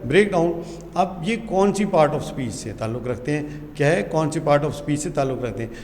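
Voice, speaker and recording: Pakistani urdu accent teacher guy, a bit high voice, reads english lines slow, echoey hall, some faint hiss. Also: animated, a little mellow. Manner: asks the class questions and answers them himself; reads English sentences slowly. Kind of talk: classroom grammar lesson. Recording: roomy hall reverb with faint noise.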